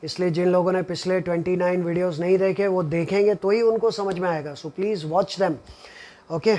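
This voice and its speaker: A man's voice: high voice, fairly even intonation, moderate pace, warm tone. A male commerce teacher with a Mumbai Hindi accent, explaining an accounting problem step by step, asking his students questions and answering them himself, and mixing in English terms. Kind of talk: online accounting lesson.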